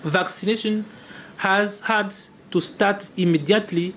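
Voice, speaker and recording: A man with a Cameroonian accent delivering a formal, halting prepared statement as a government health official. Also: high-pitched, steady tone, a bit bright, a little hiss or hum.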